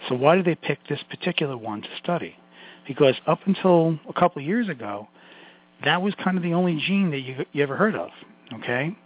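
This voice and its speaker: A man's voice: a little high, animated, brisk, breathy edge. A man with a Brooklyn accent giving an informal health lecture, addressing listeners directly in a folksy way with emphatic asides. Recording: muffled, phone-like lo-fi audio.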